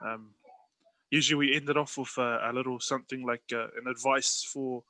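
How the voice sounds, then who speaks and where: Kiwi guy hosting a podcast, super bright punchy voice, really dry sound, chatty, kinda halting and thankful. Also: medium pitch, steady tone, dry recording. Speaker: podcast host. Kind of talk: casual chat, hosting.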